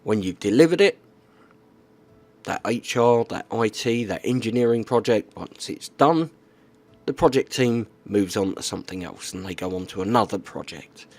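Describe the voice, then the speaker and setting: A man's voice: fairly low pitch, lively intonation, normal speed. A man explaining things in a casual, plainspoken monologue, often checking in with "okay?" and "right". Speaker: YouTuber.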